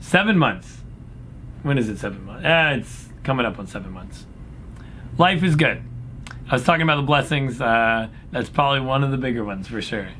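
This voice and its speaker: Man, upbeat cruise director, bright forward voice, folksy casual Q&A chat, laid-back, rumbling noise behind. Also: animated, moderate pace. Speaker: cruise director answering viewer questions. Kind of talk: casual question-and-answer chat. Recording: clear background noise with low rumble.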